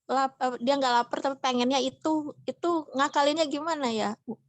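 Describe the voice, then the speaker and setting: A woman's voice: sits high, steady tone, a little fast. A woman taking part in a webinar, asking brief questions over a video call. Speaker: webinar participant.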